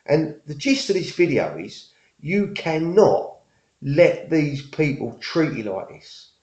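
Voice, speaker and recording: A man's voice: on the high side, big pitch swings, slow, a little mellow. A middle-aged man, telling a story in a rambling, casual monologue, often repeating himself and using working-class slang. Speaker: vlogger. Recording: echoey room, dull lo-fi sound.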